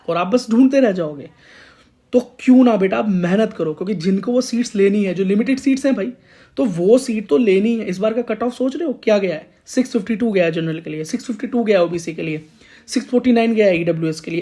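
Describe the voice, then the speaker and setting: A man's voice: high-pitched, a little mellow. A man teaching exam coaching, giving motivational study advice in an urging, repetitive way and calling his students "beta". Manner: exhorting, repeats lines, calls students "beta".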